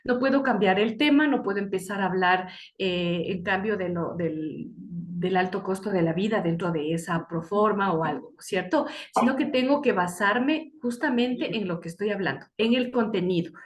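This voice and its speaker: A woman teaching an online class on a video call. She explains things slowly, pauses often to search for words, and keeps checking in with her students. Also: medium pitch. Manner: hesitant, searches for words with many fillers. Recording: echoey room sound.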